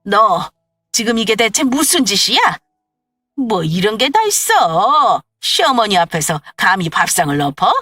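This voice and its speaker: A woman voicing a bossy, contemptuous older mother-in-law who scolds in a shrill, sneering way. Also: big pitch swings, a little slow, sharp tone, no room sound, studio quality, far from the mic, soft background music, heavily acted. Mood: furious.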